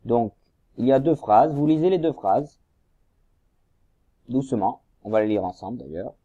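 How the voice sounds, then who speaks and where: A man's voice: mid-range voice, animated, moderate pace, dark tone, breathy edge, no echo, dull audio. A man teaching young children a reading lesson, patiently guiding them through workbook exercises and spelling out syllables. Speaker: primary school teacher.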